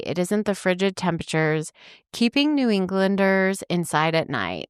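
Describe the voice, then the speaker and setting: A woman podcast co-host reading a dramatic true-crime introduction, building suspense with pauses. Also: on the low side, clear, resonant tone, dry recording. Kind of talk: scripted true-crime narration with banter.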